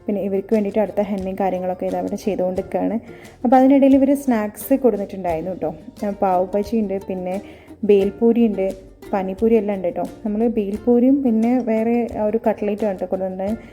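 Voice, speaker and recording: A woman's voice: medium pitch, fast talker, dark tone. A woman with a Malayali accent narrating a casual vlog, mixing English words into her Malayalam. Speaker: henna artist and vlogger. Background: faint music.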